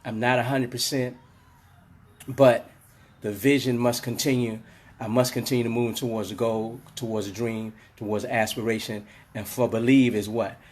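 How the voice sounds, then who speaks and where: A man who is under the weather, his voice rumbling, hosts a casual motivational live stream from inside his closed hair salon, talking into a phone. He rambles and repeats himself, with many fillers. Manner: rambling, repetitive pep talk with many fillers.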